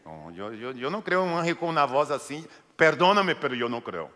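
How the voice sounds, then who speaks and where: A man preaching a sermon as pastor, lively and joking, acting out voices as he reads the story. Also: medium pitch, brisk. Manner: lively, jokes, acts out voices. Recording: reverberant church hall.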